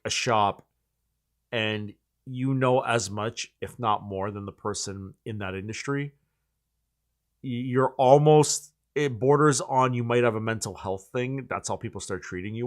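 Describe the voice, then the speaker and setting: Male host, forties, relaxed chat, rambling with fillers and restarts. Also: mid-range voice, a little slow. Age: 40s. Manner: rambling, full of likes and restarts. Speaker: channel host. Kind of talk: casual chat.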